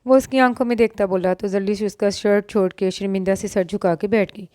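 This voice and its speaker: A woman narrating an audio novel in a steady, even reading voice. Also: medium pitch, brisk, no echo, studio quality.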